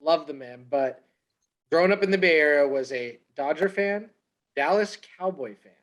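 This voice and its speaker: Man with a higher pitch, jokey co-host who keeps the chat on track. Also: lively intonation, moderate pace. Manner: jokey, steers the talk back on track. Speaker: podcast co-host. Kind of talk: casual sports chat.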